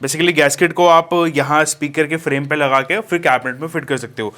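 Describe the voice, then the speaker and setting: Man, slightly high voice, chatty unboxing review, friendly with viewers. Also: fairly even intonation, brisk, pushed and bright. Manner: casual, addresses viewers as friends, many fillers. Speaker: DJ equipment vlogger.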